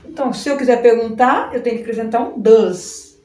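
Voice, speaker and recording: A Brazilian woman teaches English in a relaxed, patient way, repeating points and checking in with her students. Her voice is warm and on the high side. The recording is roomy and echoey, with faint background noise. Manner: explains slowly and repeats, often tags "né?" and "ó". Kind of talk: informal video lesson.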